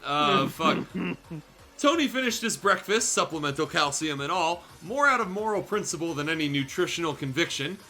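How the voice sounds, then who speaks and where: With music playing in the background, a male guest host on a livestream show reads fan fiction aloud as theatrical comedy, tossing in irreverent, sweary asides. His voice is fairly high, animated, pushed and bright, at a moderate pace.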